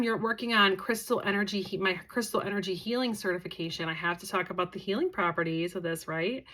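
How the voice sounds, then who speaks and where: A chatty young woman talks to camera in a loose, rambling way, full of fillers and side tangents. She sounds tired and lets yawns slip in. Her pitch sits in an ordinary middle range for a woman. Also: sharp tone. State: tired, yawning. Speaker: psychic medium and crystal vlogger. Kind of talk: casual rambling talk to camera.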